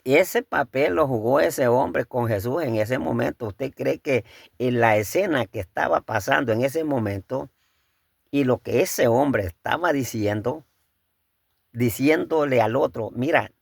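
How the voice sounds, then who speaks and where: A man's voice: mid-range voice, creaky, no echo, clean studio sound. A man preaching a sermon in a conversational way, calling his listeners brother, asking rhetorical questions and repeating words as he gathers his thoughts. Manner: halting, repeats words as he thinks.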